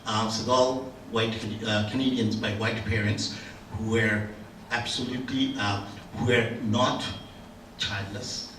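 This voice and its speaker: A man's voice: fairly low pitch, steady tone, measured pace, a bit bright, slight background noise. An older man from Bangladesh, speaking at an academic conference in a conversational, anecdotal way with frequent restarts. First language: Bengali. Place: conference room. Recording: roomy room, distant mic, faint ambience.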